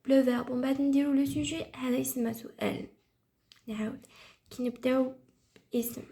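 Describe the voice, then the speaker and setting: Reviewing French for exams in a relaxed lesson, a young teacher with an Algerian Arabic accent explains things patiently and goes over key terms repeatedly. She speaks in a high-pitched, gravelly yet mellow voice.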